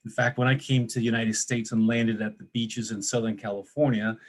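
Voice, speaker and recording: A man's voice: mid-range voice, flat delivery, fairly quick. A man in his forties from Denmark, a financial planner moderating a webinar, telling his story in a conversational way with many fillers. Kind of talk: casual personal introduction.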